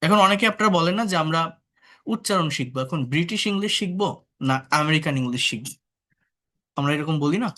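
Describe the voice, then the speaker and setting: A man's voice: a little high, fast talker, pauses often, bright, forceful tone. A man from Bangladesh teaching an online English class, explaining patiently, asking the class rhetorical questions and mixing English words into his talk. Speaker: English tutor.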